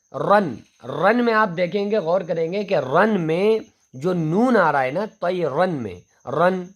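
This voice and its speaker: Higher-voiced man teaching slow spelled-out reading. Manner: explains step by step, spells out letters slowly and repeats words. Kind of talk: classroom lesson on Quranic reading rules.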